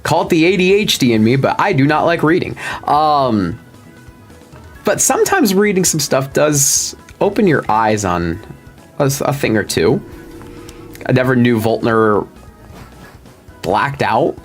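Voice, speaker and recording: A man's voice: mid-range voice, sing-song, a little slow, pauses often, soft background music. A man giving casual, rambling commentary as he plays a video game, chatty and full of fillers. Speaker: gaming video host. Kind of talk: casual let's-play commentary.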